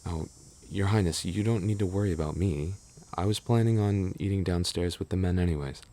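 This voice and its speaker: In an intimate roleplay audio drama, a man with a low voice plays a young knight who is devoted and easily flustered. He sounds sheepish, speaking politely and haltingly with gentle attentiveness.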